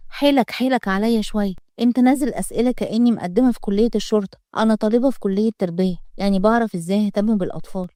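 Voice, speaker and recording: A woman voicing a cheeky, sharp-tongued young nanny with an Egyptian accent. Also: mid-range voice, rapid-fire, no room sound, studio quality, close to an everyday voice. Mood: feisty. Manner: cheeky, feisty.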